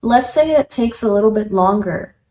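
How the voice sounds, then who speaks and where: A woman giving an instructional lesson as a call center English trainer, explaining clearly step by step with example phrases. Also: mid-range voice, lively intonation, moderate pace, warm tone. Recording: roomy echo.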